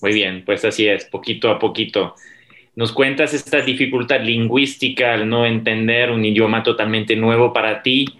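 A man's voice: lowish voice, fairly even intonation, moderate pace, fairly bright tone. Polite man hosting a podcast. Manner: polite, questions with fillers. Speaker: podcast host, university professor. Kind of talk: friendly interview questions.

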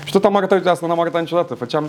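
A young man telling a story as a podcast guest, animated and acting out quoted dialogue in his anecdotes. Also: fairly high pitch, slight background noise. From Romania. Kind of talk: casual storytelling.

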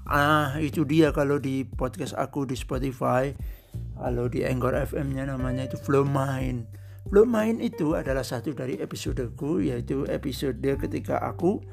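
A man's voice: mid-range voice, creaky, a little mellow. A man hosting his own podcast, talking in an easygoing, rambling, conversational way. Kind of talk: casual solo podcast monologue.

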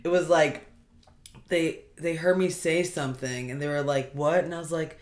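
A young woman in casual chat, telling stories in a relaxed way with some swearing. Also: deep voice, normal speed. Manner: relaxed storytelling, swearing, lively. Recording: roomy echo.

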